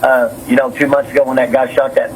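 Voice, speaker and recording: Over a noisy recorded phone call, a city councilman and business owner sounds nervous and agitated, rambling, repeating himself, and stumbling over words. His mid-range voice moves fast with a flat delivery.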